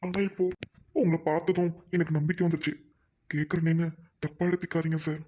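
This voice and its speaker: A woman's voice: low-pitched, flat delivery, fairly quick, mellow, husky. A woman playing a polite, worried younger brother who speaks respectfully and hopefully, in amateur drama acting.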